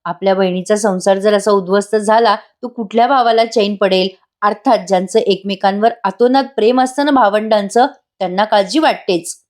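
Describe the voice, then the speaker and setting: A woman's voice: medium pitch, fairly quick, few pauses, a little mellow. A woman giving a chatty voice-over review of a TV serial episode, speaking directly to her viewers. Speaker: serial recap narrator.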